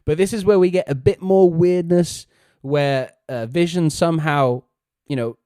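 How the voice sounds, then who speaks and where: Animated man hosting a review podcast. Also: fairly high pitch, moderate pace, clean tone, dry recording, studio quality. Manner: animated, laughing, acts out quotes. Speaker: podcast host. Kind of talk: casual review chat.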